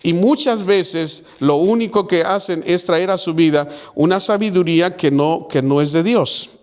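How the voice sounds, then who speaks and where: High-voiced man preaching a sermon. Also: measured pace, clean tone. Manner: preaching to a small congregation, acting out quoted voices. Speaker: pastor. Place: small church.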